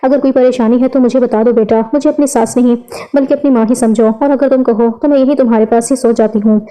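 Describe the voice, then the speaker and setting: A woman voicing a kind, doting older mother-in-law in a read-aloud story, gentle and soothing. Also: a little high, fairly even intonation, natural voice, poor audio.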